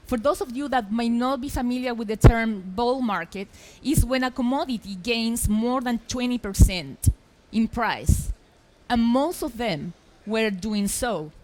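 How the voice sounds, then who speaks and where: A middle-aged woman from Chile, giving a lively, emphatic conference presentation from a stage microphone. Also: fairly high pitch, rough recording. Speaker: journalist, conference speaker. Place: expo hall stage.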